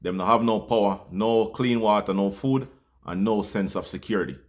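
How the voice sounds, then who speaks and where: A man's voice: lowish voice, moderate pace. A Jamaican man hosting his channel, making a heartfelt appeal to viewers in a loose, filler-laden way. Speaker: channel host.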